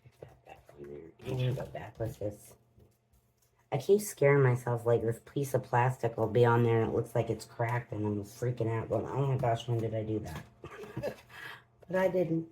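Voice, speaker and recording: A woman's voice: very deep voice, expressive, moderate pace, mellow, poor audio. A woman hosts a casual crafting vlog, muttering to herself as she works in homespun phrasing. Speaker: crafting channel host. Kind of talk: casual unboxing and demo vlog.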